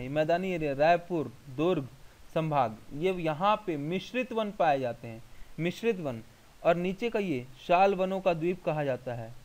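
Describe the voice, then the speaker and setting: A man teaching exam revision from slides, repeating memory tricks in slow, emphatic drills. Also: high voice, darkish tone, low-quality recording. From India.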